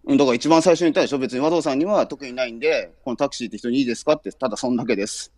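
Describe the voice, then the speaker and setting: A man in his thirties calling in to a livestream, confronting another caller in blunt, rough speech. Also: mid-range voice, racing, darkish tone, dry recording, clean studio sound. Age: 30s. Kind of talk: heated livestream argument.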